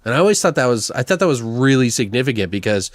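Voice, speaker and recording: A man's voice: medium pitch, sing-song, fast talker, no room sound, clean studio sound. A man co-hosting a podcast, chatting loosely about a film and swearing freely. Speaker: podcast co-host. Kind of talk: casual film review chat.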